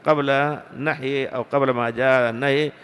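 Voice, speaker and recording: A man giving a classical hadith lesson, reading slowly and deliberately and stopping to correct words. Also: medium pitch, fairly even intonation, fairly bright tone, clear, resonant tone. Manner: slow, deliberate reading with pauses to correct wording. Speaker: hadith teacher. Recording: long hall reverb.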